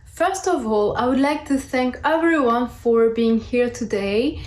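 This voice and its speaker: A guest speaker in her thirties from the south of France gives a prepared presentation over a video call from a room at home. She has a French accent and a fairly high-pitched voice, speaks a little slowly, and the video call microphone picks up a roomy sound.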